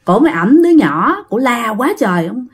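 A woman tells ghost stories in a chatty, conversational way, often turning to speak straight to her listeners. Her voice sits a little high and moves up and down with lively swings. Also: normal speed, breathy edge. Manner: chatty, addresses listeners directly. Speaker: storyteller. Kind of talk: ghost story narration.

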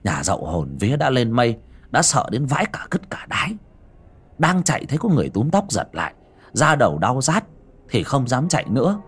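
A man narrating a ghost story in a dramatic, lively storytelling manner. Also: medium pitch, fairly quick, breathy edge.

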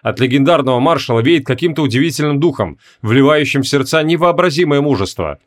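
A man reads a fantasy audiobook aloud. His pitch sits in an ordinary middle range. His reading is steady and measured. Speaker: audiobook narrator. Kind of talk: audiobook narration.

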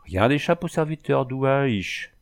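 Fields: Figure: old sorceress woman, voiced by a man. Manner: solemn riddles. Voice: raised, gravelly. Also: mid-range voice, expressive, unhurried, voice pushed up. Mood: oracular. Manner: solemn, oracular speech in riddles. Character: old female sorceress, cryptic and prophetic.

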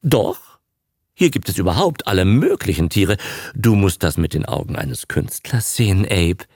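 A man's voice: deep voice, big pitch swings, normal speed, darkish tone, dry recording, studio quality, heavily acted. A man voicing a vain, naive young female film starlet in an audiobook reading, gushing and dreamy. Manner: breathy, dreamy, gushing chatter. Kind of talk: audiobook character voice.

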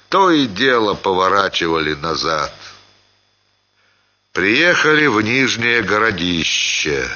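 A man narrating a classic short story in a measured, expressive theatrical reading. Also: mid-range voice, dull audio.

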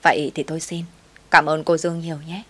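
A kindly older housekeeper , as a woman reader voices her. She speaks humbly and with care, in a lowish voice. It is a spoken audio story. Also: little pitch movement, quick pace, fairly bright tone. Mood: caring. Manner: humble, caring.

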